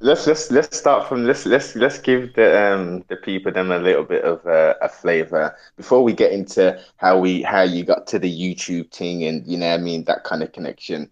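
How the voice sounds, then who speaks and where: A man co-hosting a casual interview, halting and repeating phrases, on a lo-fi recording. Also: low voice. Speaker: co-host interviewer. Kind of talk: casual chat. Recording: dull, lo-fi sound.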